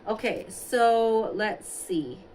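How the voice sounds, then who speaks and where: Slow chatty woman from singapore doing makeup on a phone livestream, faint hum behind. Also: medium pitch, lively intonation, a little mellow, poor audio. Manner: chatty, thinking aloud, answering chat comments. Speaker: beauty livestreamer. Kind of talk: casual livestream chat while doing makeup. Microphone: phone on a stand.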